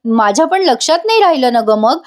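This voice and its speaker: A woman's voice: high voice, sing-song, a little fast, darkish tone. A woman voicing a flustered elder sister from a TV serial, defending herself to her parents. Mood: apologetic.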